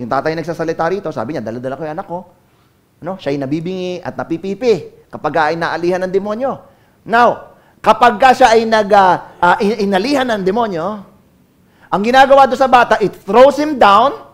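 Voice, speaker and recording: A Filipino pastor preaching to his congregation in a notably high voice. He mixes English into his sermon and keeps calling on the crowd to answer him. His delivery swings between loud calls and low, quiet asides. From Philippines.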